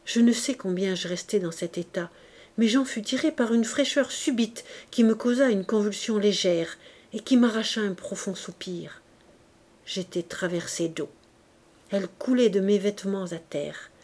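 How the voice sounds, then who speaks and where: A woman reading a classic novel aloud in the first person, with tense dramatic expression that sometimes sinks to a hushed whisper. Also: mid-range voice, normal speed. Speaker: audiobook reader.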